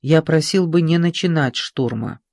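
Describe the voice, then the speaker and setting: An audiobook reader voicing an aging former general with a dry, cracked voice, terse and quietly bitter. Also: mid-range voice, normal speed, no echo, natural voice. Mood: dry, grave. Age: older. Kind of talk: audiobook character reading.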